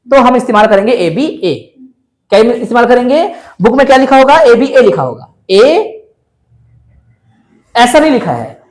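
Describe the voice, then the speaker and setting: A male math teacher lecturing a class, coaxing his students with frequent questions. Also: very high voice.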